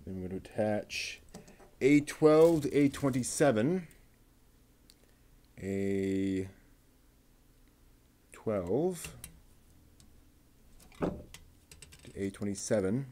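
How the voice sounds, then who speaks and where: A show host mutters and thinks aloud as he assembles a model kit, reading off part numbers in casual running commentary. His mid-range voice is mellow, with slight background noise.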